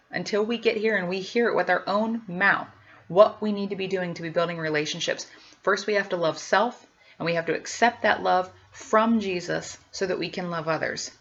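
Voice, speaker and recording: A woman with a bright, forceful voice shares her personal faith testimony in an animated, chatty way. She slips into other people's voices and laughs as she talks. The recording sounds a little dull and lo-fi. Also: mid-range voice.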